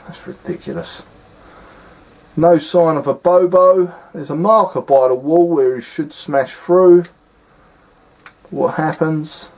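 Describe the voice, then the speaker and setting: A man's voice: on the high side, fairly even intonation, unhurried, few pauses, a little mellow. A man giving casual gameplay commentary as a retro game reviewer, exasperated and scornful, rambling with fillers.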